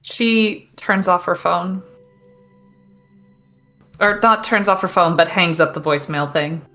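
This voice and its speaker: A woman's voice: lowish voice, steady tone, takes it slowly, sharp tone, faint music behind. A woman casually describing her character's actions as a player in a tabletop role-playing game.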